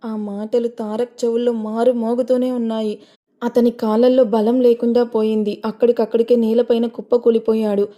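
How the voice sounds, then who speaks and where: A woman narrating a dramatic audio story in a measured, storytelling manner. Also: on the high side, little pitch movement, dark tone.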